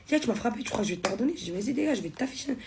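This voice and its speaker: A young woman tells a heated story fast and casually, acting out both sides of a quarrel. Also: fairly high pitch, lively intonation, gravelly, background noise. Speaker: content creator telling a story.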